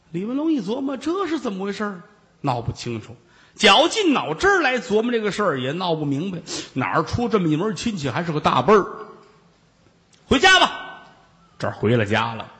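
A man telling a traditional Chinese story in a lively, animated way, swinging high and low. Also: moderate pace, big-room sound.

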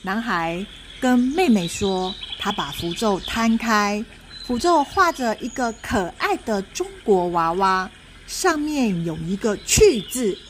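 A woman storyteller giving an expressive, dramatic read-aloud of a children's storybook. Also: mid-range voice, slow pace, slight background noise.

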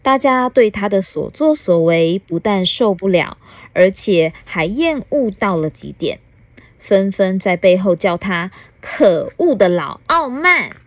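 A woman, a mother, reading a picture book aloud for a children's podcast, gentle and asking the child little questions along the way. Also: medium pitch, sing-song, measured pace, no room sound.

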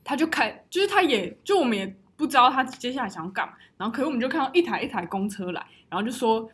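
A young woman with a Taiwanese Mandarin accent, co-hosting a podcast and telling a story in an animated way, swearing and laughing often. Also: fairly high pitch, fast talker, husky. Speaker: podcast co-host. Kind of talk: casual chat.

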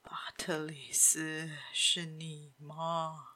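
A woman voicing an old father in a storybook reading, speaking in a faint, halting, pained whisper. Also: lowish voice, wildly swooping pitch, creaky, pushed and bright, slightly rough, pitched below the performer's own voice, full character voice. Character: old father, broken and pleading, male. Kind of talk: audiobook character voice.

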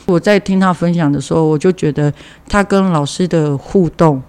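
Higher-pitched man. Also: normal speed, darkish tone, clean tone. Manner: leans on fillers, acts out quoted dialogue. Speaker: community member sharing a story. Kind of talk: casual storytelling.

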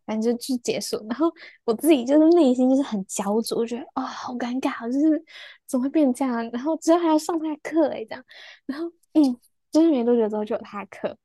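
Animated young woman telling a story. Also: high voice, no room sound. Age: young adult. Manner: animated storytelling, quick laughs, acts out quoted lines. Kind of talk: casual podcast chat.

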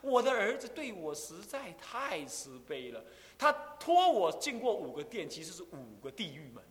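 A man's voice: sits high, wildly swooping pitch, normal speed, a bit bright, heavily acted. A man voicing the serene, grateful spirit of an old mother, speaking earnestly in a reverberant hall.

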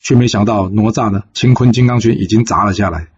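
A man casually narrating a classic folk tale in a relaxed, filler-heavy way. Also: on the low side, quick pace, dull audio, slight background noise. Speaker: storyteller.

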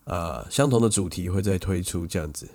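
A man's voice: low-pitched, fairly quick, darkish tone. A man with a Taiwanese Mandarin accent co-hosting a podcast in casual chat, with music playing. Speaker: podcast co-host.

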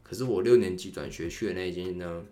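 A man's voice: sits low, fast talker, dark tone. A young man, hosting a podcast and telling a story in a candid, rambling, chatty way. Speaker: podcast host. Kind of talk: casual solo storytelling.

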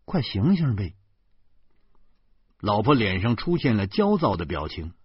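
Beijing guy reading a novel aloud, slow and husky, lo-fi muffled audio. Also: fairly low pitch, no room sound. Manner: expressive, wry first-person narration. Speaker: audiobook narrator. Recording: dull lo-fi recording.

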